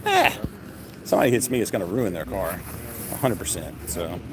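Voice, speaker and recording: A vlogger livestreams from a long outdoor festival queue near traffic, rambling casually with plenty of fillers, restarts and self-deprecating jokes. His voice sits low, sing-song and fairly quick, buried under heavy background noise and crowd chatter.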